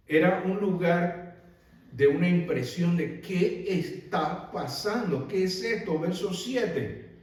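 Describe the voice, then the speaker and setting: A man preaching a sermon as pastor, animated and asking the congregation rhetorical questions. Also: high voice. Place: church sanctuary. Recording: very echoey hall, mic far off.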